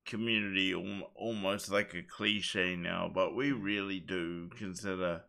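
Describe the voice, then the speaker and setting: A man's voice: deep voice, fairly even intonation, measured pace, gravelly, bright, forceful tone. A man co-hosting a livestream, chatting casually in an earnest, emphatic way. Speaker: livestream co-host.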